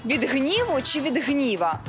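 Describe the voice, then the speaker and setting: A woman with a high voice asks short quiz questions one after another, like a street interviewer. A loud music track plays under her voice the whole time. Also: very animated, a little slow.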